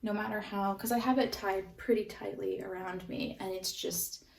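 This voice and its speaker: Chatty woman with a gravelly, stuffy voice. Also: mid-range voice, fairly even intonation, moderate pace, recorded from a distance. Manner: chatty, rambling, lots of fillers. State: stuffy nose, sneezy. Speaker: knitting vlogger. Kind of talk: casual show-and-tell chat.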